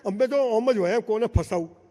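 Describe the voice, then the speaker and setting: High-voiced man speaking in a reverberant hall. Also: fairly quick, dark tone. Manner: emphatic storytelling, addressing the crowd directly. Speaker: motivational speaker. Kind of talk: live motivational seminar speech. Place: large seminar hall before an audience.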